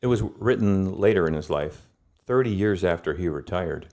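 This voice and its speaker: A middle-aged man, a guest historian, telling history in a thoughtful, storytelling way with pauses and fillers. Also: deep voice, lively intonation, a little mellow. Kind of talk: conversational history lesson.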